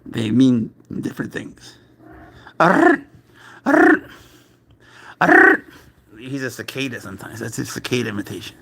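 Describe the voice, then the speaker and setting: Gravelly man cooing at his pet. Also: medium pitch, fairly even intonation, fast, few pauses, a little mellow. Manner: doting, playful baby talk to his pet, laughs often. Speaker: cat owner hosting a live stream. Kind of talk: casual live-stream chat.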